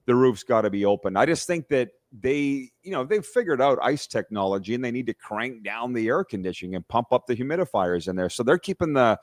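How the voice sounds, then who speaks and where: A man's voice: mid-range voice, expressive, brisk, few pauses, no room sound, studio quality. A man who hosts another hockey podcast, a guest here, giving opinions in long, run-on casual chat.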